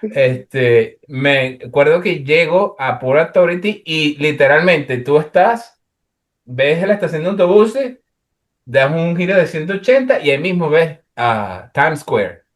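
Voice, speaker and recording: A man's voice: fairly high pitch, animated, measured pace. A young man from Venezuela, casually and animatedly telling a travel story as a guest, with plenty of fillers.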